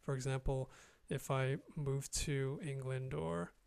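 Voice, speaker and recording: This young adult guest is a language learner who runs a YouTube channel, and he talks slowly and haltingly on a casual video call, with lots of fillers and restarts. His voice is medium-pitched, steady, gravelly, darkish and clean. He uses earphones and a close studio mic in front of him in a small room.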